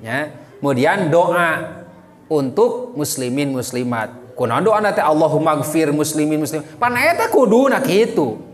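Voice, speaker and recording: A male religious teacher with a Sundanese accent delivers a lecture in a high, swooping voice that rises and falls. He keeps throwing questions at his listeners. His voice rings with long reverb through a mosque hall. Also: measured pace. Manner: animated, quizzes listeners with questions. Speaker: Islamic teacher.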